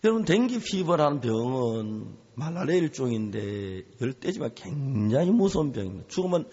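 A man's voice: medium pitch, sing-song, normal speed, dark tone, husky. A male pastor preaching a sermon, telling a story with animation and acting out the voices of the people in it. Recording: reverberant hall, dull lo-fi sound.

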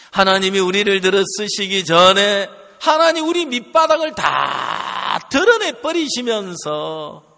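A man delivers a sermon as a story, his voice high and leaping up and down in pitch. He talks slowly and quotes the people in his story as he goes. The sound carries a long reverb, as in a large church. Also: vocal fry. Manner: animated storytelling, quoting others, laughing at times. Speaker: pastor.

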